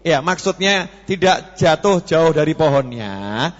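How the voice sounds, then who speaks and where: A man's voice: a little high, big pitch swings, measured pace. A man preaching a sermon in a chatty style, teasing his audience with questions. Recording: long reverb, dull lo-fi sound.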